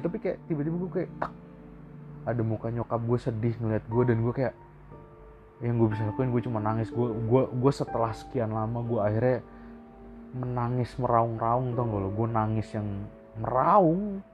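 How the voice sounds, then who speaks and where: Emotional man telling a story. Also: on the low side. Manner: emotional, blunt, swears, mixes in English. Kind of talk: casual personal storytelling. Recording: lo-fi with music behind.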